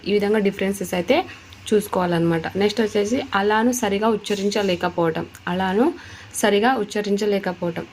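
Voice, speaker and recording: A woman's voice: mid-range voice, slight background noise. Woman explaining an exam-prep lesson. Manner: explanatory, repeats key terms, mixes in English words. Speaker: teacher.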